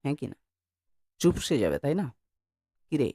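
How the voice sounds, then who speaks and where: A man's voice: a little high, very animated, moderate pace, mellow, no room sound, studio quality. A male teacher giving a classroom lecture who coaxes his students to answer and demonstrates sounds by repeating them.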